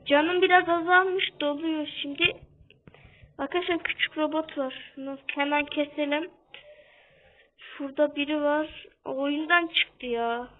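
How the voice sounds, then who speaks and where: High-voiced gamer on a tinny line. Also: female voice, steady tone, unhurried. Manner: talks a bit loudly on purpose, keeps calling out to viewers. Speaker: gaming channel host. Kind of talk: casual gameplay commentary. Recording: tinny phone-like sound.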